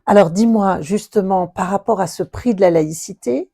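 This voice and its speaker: A woman's voice: mid-range voice, moderate pace, mellow. A woman hosting an interview, asking long, formal questions. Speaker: host, interviewer.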